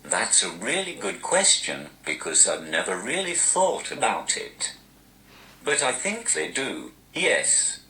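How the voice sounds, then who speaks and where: A man speaks through a posh-sounding, robotic text-to-speech voice, set very low but swinging widely in pitch. The delivery is slow and deadpan, with dry self-mockery. The sound is bright and hard, heard in a roomy, echoing space. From Newcastle, England. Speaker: stand-up comedian. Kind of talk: interview answers typed into a speech device.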